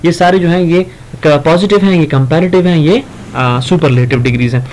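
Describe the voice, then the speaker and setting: A man teaching a grammar lesson in Hindi. He reads example sentences slowly and explains them casually, with fillers and self-corrections. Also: on the high side, darkish tone.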